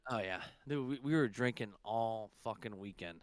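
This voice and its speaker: A young man rambles through a casual podcast story, swearing freely and stacking up fillers. His voice is smooth and clear over a dry, close sound. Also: on the low side, normal speed, dry recording. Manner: rambling, profane, lots of fillers. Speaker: podcast co-host. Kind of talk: casual chat.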